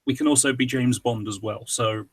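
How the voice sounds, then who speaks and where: A man's voice: mid-range voice, fairly even intonation, normal speed, breathy edge. A British man guesting on a podcast, chatting casually and rambling off on tangents. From Britain.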